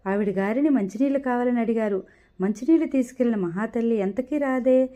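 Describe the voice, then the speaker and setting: A woman voicing an old female servant who gossips in a hushed, confiding manner. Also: on the high side, fairly quick, close to an everyday voice. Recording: dull lo-fi recording.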